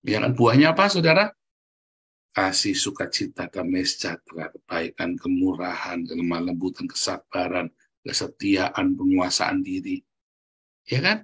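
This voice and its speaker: A man's voice: sits low, animated, normal speed, fairly bright tone, slightly rough. A middle-aged man preaching a sermon as a pastor, speaking emphatically and constantly addressing the congregation.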